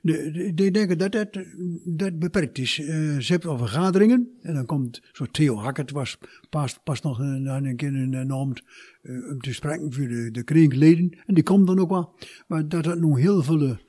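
An older man with a Twente Dutch accent, talking in a conversational interview and haltingly repeating words as he searches for phrasing. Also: a little high, mellow, breathy edge.

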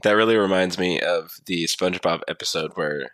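A man's voice: low-pitched, a little fast, fairly bright tone, no room sound. A man co-hosting a podcast, bantering casually in natural, unscripted talk. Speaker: podcast co-host.

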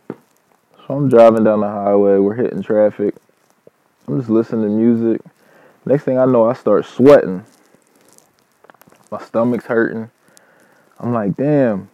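A fairly low-pitched man spins a casual personal story about life as a truck driver, loose and full of cursing and fillers. The recording is dull and lo-fi, with a dry, close sound and no room echo. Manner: loose, profanity-heavy, filler-laden talk.

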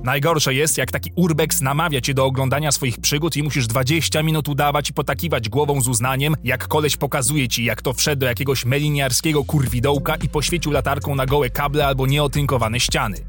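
A man's voice: medium pitch, fairly even intonation, a little fast, hardly any pauses, fairly bright tone, faint music behind. A man delivering satirical scripted commentary as narrator, with a sarcastic, mocking manner.

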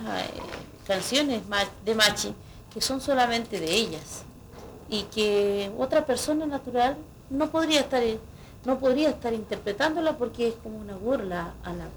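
A woman's voice: fairly high pitch, a little hiss or hum. A woman, a guest singer in a radio interview, explaining in a reflective way and often checking in with the listener. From Chile. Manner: explanatory, reflective, frequent "¿no?" tags.

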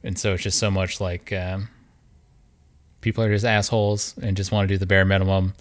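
A man co-hosting a podcast in casual chat, laid-back and halting, with many fillers. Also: sits low, little pitch movement. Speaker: podcast co-host.

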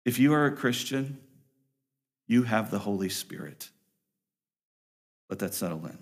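A man preaching a sermon to his congregation, pressing his points with rising emphasis and then dropping to quiet, low passages, often repeating words as he builds a thought. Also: lively intonation, a little slow. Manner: earnest preaching, swings between loud emphatic peaks and quiet low passages; repeats and restarts phrases while building a point. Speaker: pastor.

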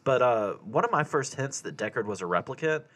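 A man's voice: medium pitch, animated, brisk, a bit bright. Playful self-mocking man chatting. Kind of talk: casual movie discussion.

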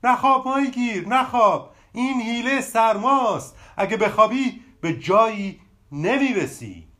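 Storybook fish chorus, put on by a man: high, urgent, insistent pleading. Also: lively intonation, bright, forceful tone, exaggerated voice. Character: pleading little fish, a shouting group.

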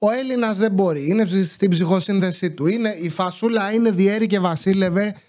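A man's voice: high voice, darkish tone. A man hosting a podcast, telling a story in a chatty way and acting out his exchanges with coworkers. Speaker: podcast host. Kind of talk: casual storytelling monologue.

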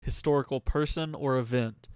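A man's voice: medium pitch, smooth, no echo. A young man co-hosting a podcast, chatting casually and telling stories from his bed at home. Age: young adult. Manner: relaxed storyteller, quick, with laughs. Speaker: podcast co-host. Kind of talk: casual chat.

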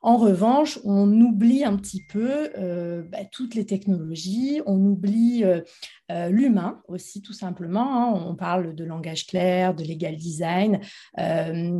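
Woman, mellow voice, many hesitations. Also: on the low side, measured pace, breathy edge. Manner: hesitant, many fillers and restarts. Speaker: guest, founder of a training institute. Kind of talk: interview conversation. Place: Montpellier, France.

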